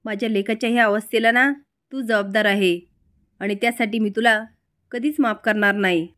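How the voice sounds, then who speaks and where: A woman's voice: medium pitch, steady tone, moderate pace, a bit bright, natural voice. A woman voicing an angry middle-aged village mother who scolds and accuses her brother. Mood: scolding.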